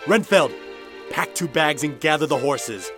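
A man's voice: a little high, measured pace, over music, lightly acted. An actor playing a haggard, obsessed male doctor bent on vengeance, terse and commanding, in a radio drama.

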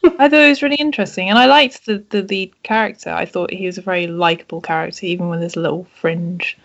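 A woman's voice: on the low side, fast talker, creaky, a bit bright. Chatty woman in casual talk. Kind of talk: casual chat. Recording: dull lo-fi recording.

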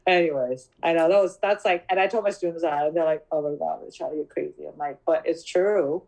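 A woman's voice: low-pitched, fairly quick, gravelly, poor audio. Woman in her 30s, podcast chat, acts out all the voices in her story, laughs a lot. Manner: animated storyteller, laughs often, acts out dialogue. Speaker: podcast co-host.

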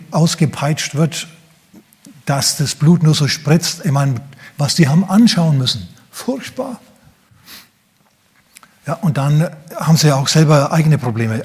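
A man's voice: fairly high pitch, darkish tone, slightly rough. A man with a German accent preaching a sermon, telling the story vividly and addressing the congregation directly.

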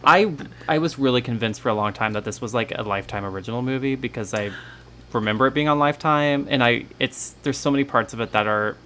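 A man's voice: medium pitch, fast, a bit bright, a little hiss or hum. A young man co-hosting a podcast, chatting loosely about a movie with many fillers and restarts. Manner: rambling, full of fillers and self-corrections. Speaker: podcast co-host. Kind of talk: casual chat about a movie.

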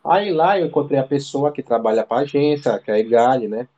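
Mellow-voiced man telling a rambling story. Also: medium pitch, lively intonation, brisk, highs cut off. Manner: slangy, rambling, full of fillers and restarts. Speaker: interview guest. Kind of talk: casual storytelling chat. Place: living abroad in Ireland.

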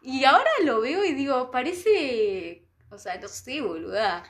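A woman's voice: high voice, animated, a little slow, fairly bright tone. A young woman with a Rioplatense Spanish accent, hosting a podcast as casual chat, gushing and exclamatory, laughing often. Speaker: podcast host. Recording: echoey room, faint noise.

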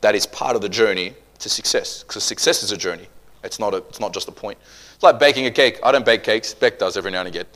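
A man preaching a sermon, animated and joking, swinging between loud bursts and quiet asides. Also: on the low side, quick pace.

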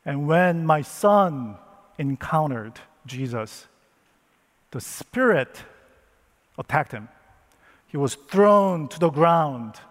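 A man preaching as a dramatic first-person retelling of a Bible story. He speaks slowly and with emotion, telling it as the father in the story. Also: fairly high pitch, expressive, long reverb tail.

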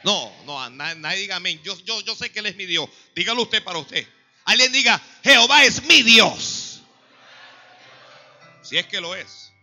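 A man preaching a sermon, calling on the congregation to answer back and rising to loud exhortations. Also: sits high, fairly quick, few pauses. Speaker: pastor. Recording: dull lo-fi recording with faint music.

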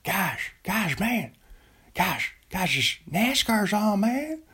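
A man's voice: very slow, exaggerated voice. A man doing a drawling Southern race fan. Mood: excited. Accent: put-on Southern US accent. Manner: drawling, high, half-whispered excitement. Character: excitable Southern NASCAR fan, adult man.

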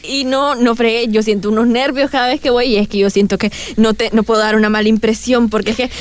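A woman's voice: on the high side, fairly even intonation, fast talker. A young woman, speaking hesitantly and self-consciously in a casual chat among friends, often restarting.

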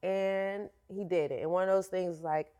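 A woman's voice: on the low side, fairly even intonation, moderate pace, mellow. A woman fitness instructor telling her story in a candid, slangy, casual interview.

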